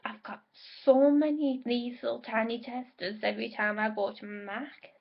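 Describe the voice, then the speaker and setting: A woman's voice: on the high side, steady tone, normal speed, creaky. A woman giving a casual makeup tutorial in a chatty way, with self-correcting asides and an occasional cough. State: coughing now and then. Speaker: makeup vlogger. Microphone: laptop microphone. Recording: dull lo-fi home recording.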